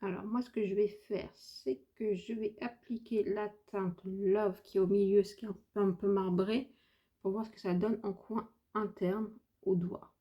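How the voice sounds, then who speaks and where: A woman's voice: medium pitch, steady tone, moderate pace, highs cut off. Chatty hesitant French woman vlogger. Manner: chatty, hesitant, thinks aloud with many fillers. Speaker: beauty vlogger. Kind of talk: casual makeup tutorial chat.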